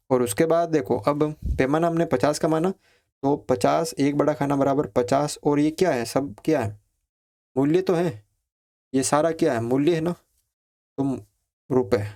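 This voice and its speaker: A man teaching a maths lesson, explaining each step slowly, counting values aloud and checking in with his students. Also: medium pitch, gravelly, darkish tone. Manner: asks students questions, repeats phrases like ठीक है.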